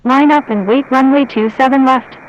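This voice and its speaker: A pilot over the radio, reading back clearances in brisk, clipped aviation phrasing. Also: sits high, steady tone. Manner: brisk, formulaic readbacks. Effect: pilot reading back over a radio channel. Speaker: pilot on air traffic radio. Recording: dull lo-fi radio audio with faint hiss.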